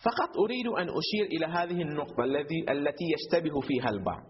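A man's voice: a little high, expressive, racing, muffled recording, slight background noise. A man teaching a logic class, explaining step by step and putting questions to the students before answering them himself. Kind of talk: classroom lecture.

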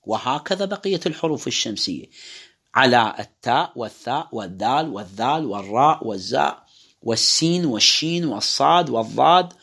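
Iraqi male teacher, lively intonation, methodical lecture on recitation. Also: medium pitch, brisk, vocal fry, slightly rough. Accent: Iraqi Arabic. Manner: explanatory, demonstrates pronunciation by drawing out words. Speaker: religious teacher. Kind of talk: lecture on Quran recitation rules.

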